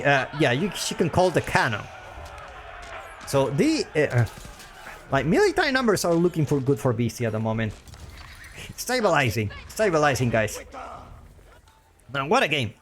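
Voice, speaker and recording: Animated Spanish-accented male game caster. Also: medium pitch. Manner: animated, often repeats his own phrases. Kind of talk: live strategy game commentary.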